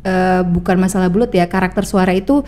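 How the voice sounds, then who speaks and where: A woman's voice: on the low side, fairly even intonation, fast talker, dark tone. A woman from Indonesia who is a former radio announcer, talking as a podcast guest in a chatty, explanatory way, teaching through examples. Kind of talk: casual podcast interview.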